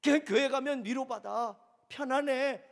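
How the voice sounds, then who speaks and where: Male pastor, sermon, very high voice, long church reverb, swings from hushed to loud. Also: moderate pace, creaky. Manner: animated preaching, swinging between soft murmurs and loud exclamations. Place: church sanctuary.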